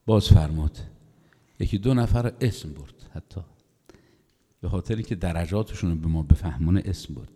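A middle-aged male preacher with a low, mellow voice gives an emotive sermon. He tells the story with feeling, leaping up in pitch for the dramatic parts and falling back to quiet asides. A long reverb hangs on every word in a large hall. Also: long pauses. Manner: emotive, rising to high impassioned pitch when voicing the story, drops to soft asides. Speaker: cleric preacher.

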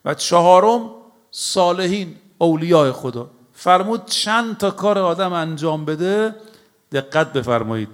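A man's voice: high-pitched, animated, clean tone. A man preaching a sermon to a congregation. He tells stories and recites scripture, and he speaks emphatically, often addressing his listeners directly. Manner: storytelling with recited Arabic scripture.

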